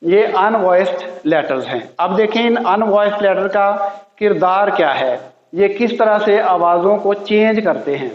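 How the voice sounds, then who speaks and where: A man teaching English pronunciation, speaking slowly and repeating each word several times. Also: high-pitched, lively intonation. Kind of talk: slow classroom pronunciation lesson. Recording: echoey, dull lo-fi room sound.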